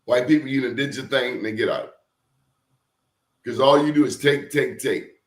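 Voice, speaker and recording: A man hosting an interview show speaks at a moderate pace and medium pitch in an echoey room. His talk is casual, but he tells stories in an emphatic, preachy way.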